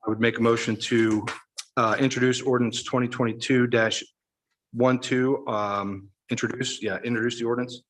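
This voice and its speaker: A man chairing a town council meeting, rattling off motions and vote calls in quick succession. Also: medium pitch, little pitch movement, fairly bright tone, low-quality recording.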